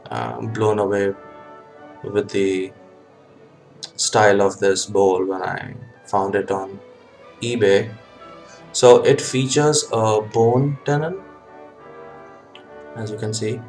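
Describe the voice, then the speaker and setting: Halting, low-voiced man vlogging over music. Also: a little mellow. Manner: halting, hesitant delivery with frequent ums and long pauses. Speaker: hobbyist video host. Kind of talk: casual vlog talk. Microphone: webcam setup.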